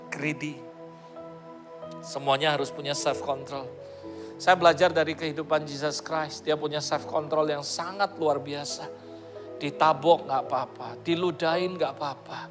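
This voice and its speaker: A middle-aged pastor from Indonesia preaching with energy and often calling out to his congregation. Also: a little high. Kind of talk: sermon. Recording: sermon with music playing behind.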